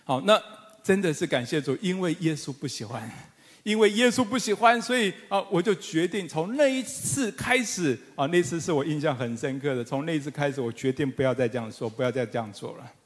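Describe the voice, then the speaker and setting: High-voiced middle-aged man preaching fervently. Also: brisk. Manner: animated, rising to fervent emphatic calls; humorous asides with audience. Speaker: pastor. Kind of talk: sermon. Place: church sanctuary with congregation. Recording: long church hall reverb.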